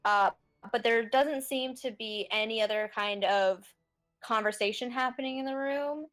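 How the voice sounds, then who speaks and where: A woman's voice: on the high side, a bit bright, soft background music, rough recording. A woman narrating a tabletop game as game master, describing scenes with frequent fillers. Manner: unhurried, descriptive, many fillers.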